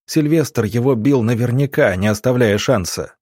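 A man voicing a calm young country doctor who talks things through reasonably in an audiobook. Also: medium pitch, normal speed, slightly rough, no room sound, studio quality, close to an everyday voice.

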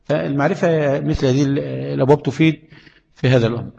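A man's voice: mid-range voice, racing, vocal fry, a little mellow, in a large hall, highs cut off. A man with an Egyptian accent teaching tajweed, explaining letters and checking understanding with rhetorical questions. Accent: Egyptian Arabic. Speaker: Quran recitation teacher. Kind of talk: tajweed lesson.

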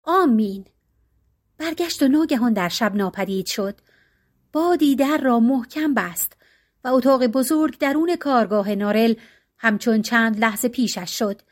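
A woman reading a fantasy story aloud as an audiobook narrator, in a measured literary storytelling manner. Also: a little high. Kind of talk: scripted narration.

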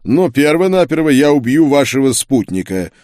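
A man's voice: medium pitch, normal speed, a little mellow, dry recording, studio quality, voice pushed up, lightly acted. A man reading an audiobook, voicing an arrogant duke and sorcerer who speaks in a cold, sneering and weighty way. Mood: cold arrogance. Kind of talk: audiobook character voice.

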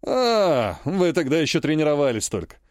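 A male reader plays a talkative soldier recounting a battle rumour in an audiobook. His speech bounces up and down with lively intonation, recorded dry. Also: on the high side, normal speed, no echo. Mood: chatty. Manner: chatty, storytelling. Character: gossiping male soldier telling a war story.

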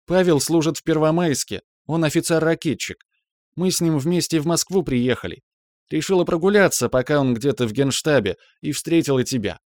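A man voicing a gushing, coquettish young woman in an audiobook, lifted high above his normal pitch. She sounds affectionate and a little teary. The recording is close and dry. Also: a little fast, a little mellow, dry recording, lightly acted. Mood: boastful. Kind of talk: audiobook narration.

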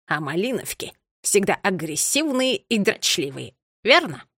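A woman voicing a gossipy, know-it-all male blackbird in an audiobook, in a low, drawling voice. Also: big pitch swings, unhurried, fairly bright tone, slightly rough, dry recording, studio quality, exaggerated voice. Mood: needling. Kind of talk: audiobook character voice.

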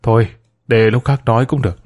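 A man's voice: mid-range voice, steady tone, fairly quick, darkish tone, lightly acted. A man voicing a suspicious middle-aged husband in a spoken storybook, terse and cold.

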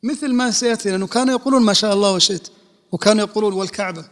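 A man's voice: high voice, racing. A man, an Islamic scholar, giving a religious lesson and explaining rulings by posing and answering his own questions. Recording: long hall reverb.

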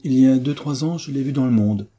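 A man voicing a worldly, confident young gentleman who talks in a lively way. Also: mid-range voice, brisk, voice pushed up, lightly acted.

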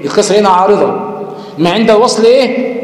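A man's voice: high-pitched, fast. Egyptian man teaching in an echoey hall. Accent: Egyptian Arabic. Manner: explains step by step, asks rhetorical questions, chants Quranic examples. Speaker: Quran recitation teacher. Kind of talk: lecture on tajweed rules.

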